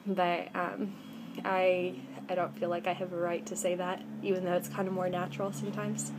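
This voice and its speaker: There's a little hiss or hum as a young Midwestern woman, in her twenties, talks into an arm's-length webcam by a window indoors. Her voice is medium-pitched, her accent Midwestern, and her chatty vlog is full of ums.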